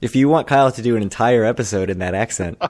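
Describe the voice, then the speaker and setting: A man's voice: medium pitch, fast talker, darkish tone, no echo. A man from Maryland co-hosting a podcast, chatting casually with wry humor. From Prince George's County, Maryland. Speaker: podcast co-host. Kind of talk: casual chat.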